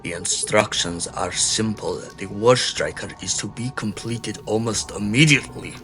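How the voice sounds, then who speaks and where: A man acts out a merciless villain general for a wartime audio drama. The voice is deep and deliberate, cold with menace, over a faint bed of music. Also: a bit bright, close to an everyday voice, low-quality recording. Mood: cold impatience. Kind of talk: fan audio drama acting.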